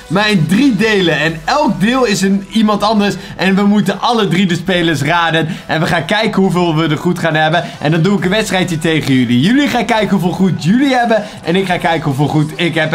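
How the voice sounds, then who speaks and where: A young Dutch-accented YouTuber with a high voice plays a football quiz for his channel. He chats casually and excitedly, muttering to himself as he makes his guesses.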